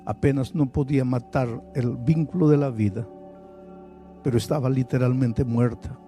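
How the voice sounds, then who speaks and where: A male pastor preaching a sermon, telling a story at first and then building to loud, emphatic appeals. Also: mid-range voice, steady tone, moderate pace, soft background music.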